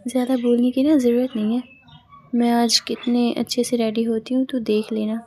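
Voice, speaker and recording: A woman voicing a cheeky, sassy young woman in a read-aloud story, mock-scolding her friend in a slightly high, mellow voice. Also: flat delivery, normal speed, lightly acted.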